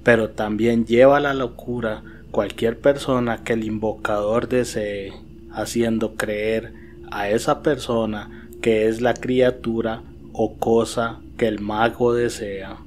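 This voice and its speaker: A man's voice: fairly low pitch, steady tone, slow pace, a little mellow, slight background noise. A man hosting a horror story channel, giving a scripted narration. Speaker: channel host. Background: faint music.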